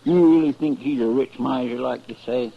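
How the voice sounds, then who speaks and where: An actor playing a folksy, plaintive young cowboy sidekick with a rural Western American drawl, in the style of an old-time radio western. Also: male voice, mid-range voice, normal speed, gravelly. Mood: folksy, chatty. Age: young adult. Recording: dull vintage AM radio recording.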